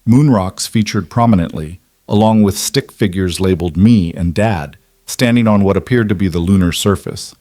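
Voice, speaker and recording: Man, low voice, measured audiobook narration, dry close sound. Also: warm tone, no echo.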